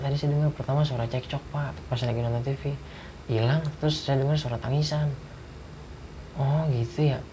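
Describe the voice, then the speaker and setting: A man's voice: mid-range voice, a little hiss or hum. A man casually telling a personal ghost story, acting out the dialogue in a slangy way. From Jakarta. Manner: animated retelling with acted dialogue, slangy. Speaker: guest storyteller.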